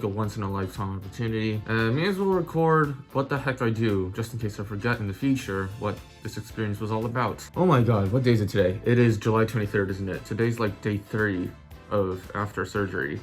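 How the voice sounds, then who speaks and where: A young man recording a casual video diary, speaking cautiously with a stiff jaw and barely opening his mouth, as after tooth surgery. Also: fairly low pitch. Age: young adult. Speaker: vlogger.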